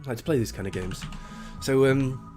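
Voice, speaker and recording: Over music, a man with a mid-range voice talks a little fast as he plays a co-op game, casually narrating a role-play setup. The streamer is animated and self-mocking, laughing often at his own expense.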